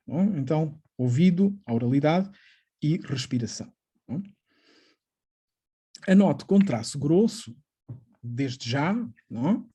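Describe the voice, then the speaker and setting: A man's voice: on the high side, warm tone, breathy edge. A middle-aged man giving an academic lecture on poetry, often adding tag questions and hesitant fillers. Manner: frequent tag questions, hesitant fillers, reads quotations slowly. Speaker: literature professor.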